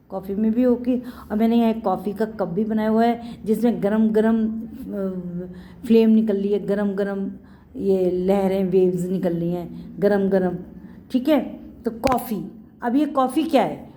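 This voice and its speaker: A woman's voice: a little high, mellow. A middle-aged woman teaching a Hindi spelling lesson to children, patient and repetitive, often calling her pupils "beta".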